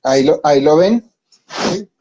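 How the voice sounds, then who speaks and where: A man's voice: a little high, lively intonation, a little slow, mellow. A man teaching a class at a whiteboard, patiently repeating himself and often checking that his students follow. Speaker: Hindi teacher. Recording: dull lo-fi recording.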